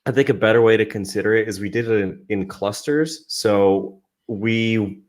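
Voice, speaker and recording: Speaking at a moderate pace in a lowish voice, a digital marketer from San Francisco, United States, describes what he does during a relaxed video-call interview where he's the guest. He uses a podcast-style mic.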